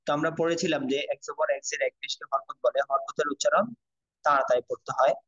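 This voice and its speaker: A man teaching a Quran reading class online, with a slightly high voice. He slowly drills letter sounds for his students with patient repetition. The audio is dull and lo-fi. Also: steady tone, fairly bright tone.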